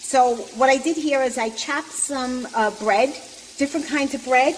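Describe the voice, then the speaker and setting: A woman's voice: high voice, normal speed. A mature woman with a Brooklyn accent casually talking through a home-cooking demonstration as she works. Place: echoey apartment kitchen, indoors. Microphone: handheld camera, no tripod. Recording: echoey room with clear frying sizzle noise. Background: sizzling pan and stirring.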